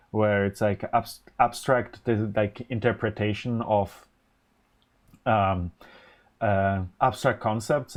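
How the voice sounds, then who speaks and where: A man whose first language is Polish chats casually on a live stream while designing electronics, rambling with plenty of fillers and restarts. His voice is medium-pitched and a little mellow.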